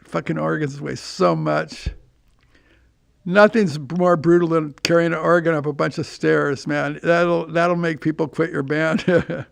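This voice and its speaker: Older man, podcast host, casual rambling monologue, swears a lot, gravelly edge, dry close sound. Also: a little high, dry recording. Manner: rambling, profane, repeats words.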